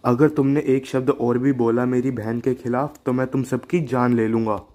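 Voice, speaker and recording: A man's voice: medium pitch, fairly even intonation, normal speed, dark tone, close to an everyday voice. A man voicing a protective young brother in a cartoon, indignant and threatening. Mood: angry.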